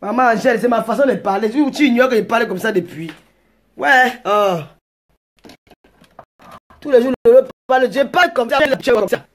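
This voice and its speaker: A woman, ranting combatively at commenters on a live stream, rambling and breaking into shouts. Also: a little high, moderate pace, long pauses. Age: 40s.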